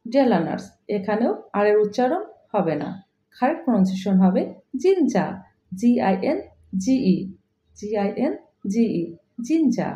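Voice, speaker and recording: A woman with a Bangladeshi accent, a native Bengali speaker, teaching English pronunciation, spelling words letter by letter and repeating example sentences slowly. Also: medium pitch, big pitch swings, warm tone, reverberant. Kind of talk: pronunciation lesson.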